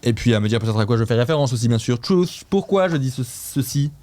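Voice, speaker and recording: Man, news show host, casual recap, hesitant, restarts sentences, self-mocking, middle pitch. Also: expressive, fast, darkish tone.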